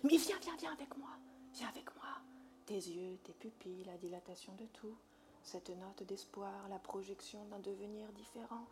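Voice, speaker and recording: Woman voicing a female spirit of chance, high-pitched, teasing, seductive, coaxing, theatrical stage monologue. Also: expressive, a little slow, background noise. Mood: whispered, seductive. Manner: playful, coaxing, theatrical, swinging between loud calls and hushed asides.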